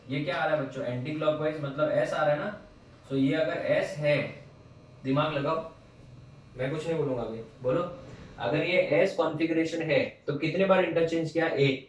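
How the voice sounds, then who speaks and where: A man teaching a chemistry class in a lecture style, coaxing and playfully teasing his students. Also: a little high. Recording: echoey room from a distance.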